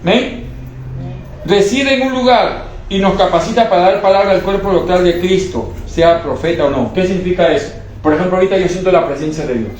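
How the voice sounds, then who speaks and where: Before his congregation in a church hall, a man speaking as a prophet mixes testimony into his sermon, telling stories and frequently engaging the listeners. He talks fairly quickly in a high, slightly mellow voice, and the hall is very echoey with a faint hiss underneath.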